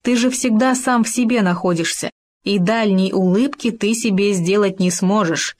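Woman doing Khoma, a squeaky little hamster. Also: normal speed, close to an everyday voice. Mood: innocent. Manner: calm, innocent, explaining patiently. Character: small clever squeaky male hamster. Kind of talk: storybook reading.

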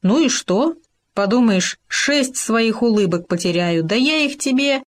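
Lady doing a big dumb storybook wolf, drawls slow, blusters. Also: a little high, expressive, pitched above the performer's own voice. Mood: gruff. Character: big gruff predatory male wolf, slow-witted. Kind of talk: storybook reading.

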